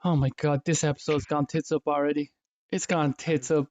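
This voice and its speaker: A man's voice: on the high side, little pitch movement, normal speed, a little mellow, lo-fi sound, slight background noise. A man co-hosting a casual gaming podcast, swearing, laughing and rambling through banter. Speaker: co-host.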